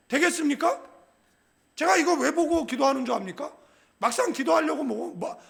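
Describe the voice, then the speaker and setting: A man in middle age preaches in a church with a very high, gravelly voice. His pitch swings lively as he jokes and keeps calling out to the congregation for a response. He drops into a lower voice when he quotes other people. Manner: humorous, conversational preaching with frequent call-and-response "예?". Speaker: pastor. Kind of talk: sermon. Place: church sanctuary.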